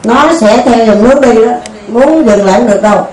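A woman's voice: fairly high pitch, a little fast, darkish tone, slight background noise. A woman telling a folk tale in a homely, conversational way, in a roomy, distant recording. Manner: homely and conversational, with frequent restarts. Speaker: storyteller and teacher. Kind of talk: casual spoken teaching with a folk tale.

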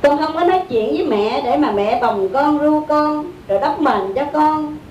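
A woman with a Southern Vietnamese accent voicing a grieving elderly mother who laments her dead child in a slow, mournful way. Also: lively intonation, a little mellow. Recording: echoey room, distant mic, faint rumble.

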